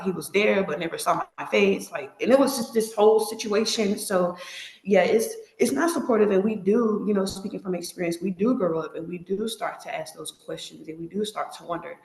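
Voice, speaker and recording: A woman's voice: medium pitch, creaky, darkish tone. A young woman chatting casually as a podcast guest, her voice echoing around an empty apartment room. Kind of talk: casual conversational interview. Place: empty, newly moved-into apartment.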